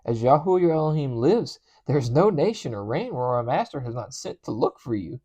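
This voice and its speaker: A man's voice: very animated, a little fast, dark tone, slightly rough, exaggerated voice. A man playing a panicky, pleading servant. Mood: fearful. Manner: voice jumping high with nervous agitation. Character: frightened male royal servant pleading.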